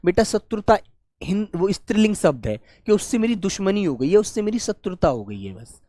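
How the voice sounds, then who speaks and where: A man teaching a grammar class for exam students, warmly coaxing and asking questions that he then answers himself. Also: sits high, big pitch swings, no echo. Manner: warm coaxing, calls students "beta", asks and answers his own questions; stretches key words slowly while dictating notes.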